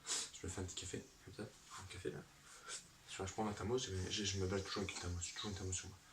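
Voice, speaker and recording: A man with a low voice spins an absurd comic story, rambling and correcting himself as he goes. He drops in spoken sound effects. He sits at a distance from the mic, and clear noise runs behind him. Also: flat delivery, fast.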